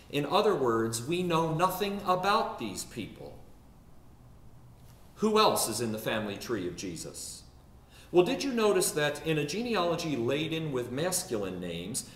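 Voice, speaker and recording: A man's voice: medium pitch, reverberant, recorded from a distance. A priest giving a homily in a storytelling manner, drawing out words and mimicking the people he quotes. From not from the South of the United States.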